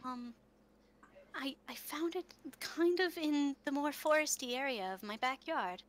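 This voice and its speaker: A woman's voice: sits high, measured pace, pitched above the performer's own voice. A woman voicing a kind, polite fifty-six-year-old woman who speaks in a flustered, hesitant way. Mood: fussy.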